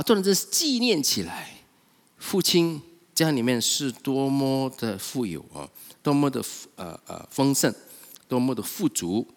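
A man preaching a sermon, animated storytelling with many fillers, acting out quotes. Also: on the high side. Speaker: pastor. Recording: reverberant hall.

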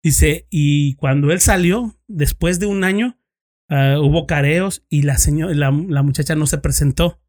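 A man's voice: on the high side, measured pace, a little mellow. A man with a Mexican accent, a former police investigator, telling a story to friends in casual chat, swearing freely and acting out both sides of the dialogue.

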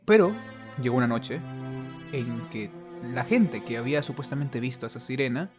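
A man's voice: medium pitch, normal speed, music in the background. Joking Peruvian man telling a legend. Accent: Peruvian Spanish. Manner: crude, joking, animated. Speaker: podcast co-host. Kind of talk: comic storytelling.

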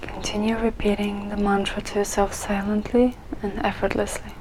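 A woman leading a guided meditation softly and gently, often in a breathy near-whisper. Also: medium pitch, flat delivery, moderate pace, noisy background.

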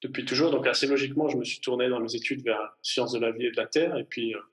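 A man's voice: mid-range voice, fairly even intonation, fast, poor audio. A man in his thirties from the French Alps, a climate scientist answering interview questions with many fillers and restarts. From Hautes-Alpes, France. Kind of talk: podcast interview.

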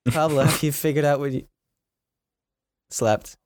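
A man hosting a casual podcast chat with friends, playful and quick to laugh. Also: on the high side, fairly even intonation, dry recording, clean studio sound. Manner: laughs a lot, playful, steers the talk. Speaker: podcast host.

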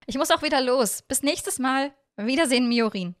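A woman's voice: high-pitched, expressive, moderate pace, no room sound, studio quality, pitched above the performer's own voice. A woman voicing a cheerful, curious young village boy in a storybook reading, talking eagerly and in a friendly way.

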